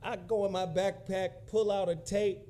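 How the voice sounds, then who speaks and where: A man in his forties hosting a casual chat, telling profane, animated stories and mimicking people. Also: high-pitched, normal speed. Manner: animated, profane, acts out quoted voices. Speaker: podcast host.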